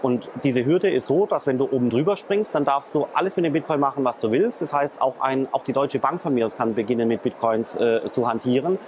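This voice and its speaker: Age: adult. Sex: man. Pitch: mid. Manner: hesitant, filler-heavy explainer. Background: faint traffic. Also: a little fast, few pauses, darkish tone. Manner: hesitant, many filler sounds and restarts. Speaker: interview guest, blockchain expert. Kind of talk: explanatory interview talk. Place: in Frankfurt, near traffic.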